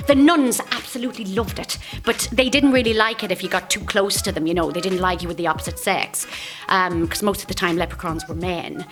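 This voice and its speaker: A woman's voice: medium pitch, fairly bright tone, natural voice. A woman voicing a whimsical Irish woman with an Irish accent, fondly telling a wistful tale.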